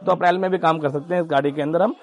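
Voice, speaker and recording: A man who fits car accessories, giving a steady product walkthrough in an explanatory sales tone. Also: on the high side, very fast, highs cut off.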